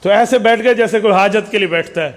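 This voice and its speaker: A man's voice: high-pitched, long reverb tail. A man preacher telling a story dramatically in an Islamic sermon.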